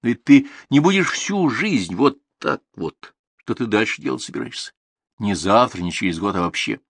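A male reader doing a brooding man who circles his own thoughts and takes offence easily. The voice is low, with a dry, close sound. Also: expressive, normal speed, vocal fry, fairly bright tone, breathy edge, dry recording, heavily acted. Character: man, brooding, touchy, quick to anger.

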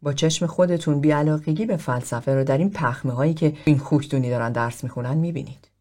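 A man's voice: a little high, a little mellow, close to an everyday voice. A man reading the part of an aloof philosopher who talks in a formal, blunt, lecturing way.

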